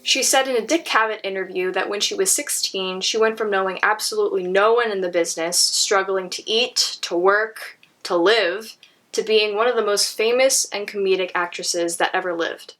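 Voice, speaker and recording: A woman's voice: medium pitch, moderate pace, fairly bright tone. A woman narrating her own documentary film in an enthusiastic, personal way. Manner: enthusiastic, personal, laughs at times. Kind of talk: scripted narration.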